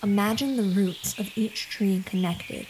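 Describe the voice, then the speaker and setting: Calm woman doing guided meditation, soft gentle delivery, really slow, mid pitch. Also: background noise. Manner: calm, gentle, soothing, unhurried. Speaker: podcast host and meditation guide. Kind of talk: scripted guided meditation narration. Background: background music.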